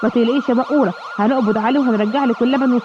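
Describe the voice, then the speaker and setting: A woman's voice: a little high, steady tone, very fast, pitched below the performer's own voice, natural voice. A woman with an Egyptian accent voicing a stern male police officer who lectures. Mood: officious. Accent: Egyptian Arabic. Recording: dull lo-fi, clear background noise.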